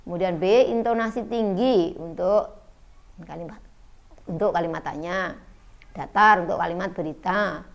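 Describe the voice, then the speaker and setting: A woman's voice: on the low side, normal speed, creaky, pauses often. A middle-aged woman teacher giving an online school lesson, explaining step by step with frequent fillers.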